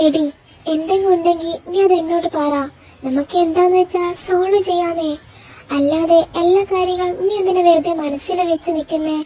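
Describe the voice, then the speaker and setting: A woman doing a young woman's best friend in a fan fiction audio story. Her very high voice is caring and coaxing as she keeps pushing for the truth and then offers comfort. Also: steady tone, a little fast, mellow, low-quality recording. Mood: concerned. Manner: pressing, reassuring, chatty.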